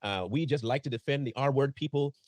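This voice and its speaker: A man's voice: mid-range voice, brisk, a little mellow, no echo. A man giving casual commentary in a playful, mocking, emphatic way. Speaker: online commentary host.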